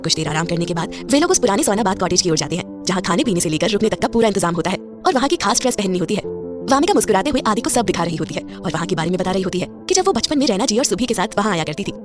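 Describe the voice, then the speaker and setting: A woman narrating a scripted audio story in a brisk, even storytelling delivery. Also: medium pitch, music in the background.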